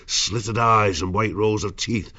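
Male storybook narrator: lower register, dramatic scripted delivery, soft-edged lo-fi recording. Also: steady tone, slow. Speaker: audiobook narrator.

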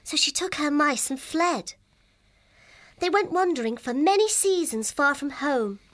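Kind bookish young hare maiden, well-spoken, high and lively, played by a woman. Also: a little slow. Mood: gentle. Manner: gentle, well-spoken storytelling.

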